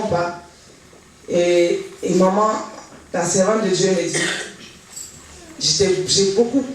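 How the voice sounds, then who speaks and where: A woman's voice: on the low side, darkish tone. A woman giving a personal church testimony, telling her story with animation and acting out the dialogue she remembers. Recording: very echoey hall, voice from far off, faint noise.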